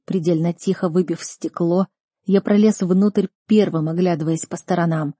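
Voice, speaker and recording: A woman reading a first-person fantasy audiobook in a tense, measured manner. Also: lowish voice, fairly even intonation, mellow, slightly rough, no echo, studio quality. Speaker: audiobook reader.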